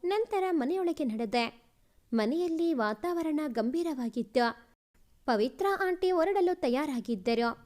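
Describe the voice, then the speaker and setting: A woman with a high, light voice tells a heartfelt family story in the first person. She reads gently and at a measured pace, dropping into softer, quieter voices for the dialogue.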